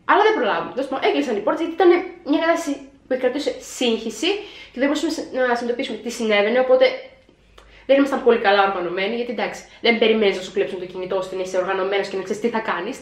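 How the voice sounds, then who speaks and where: A young woman telling a story in a vlog, animated, acting out her own panic as she retells it. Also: fairly high pitch. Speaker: vlogger. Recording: echoey room.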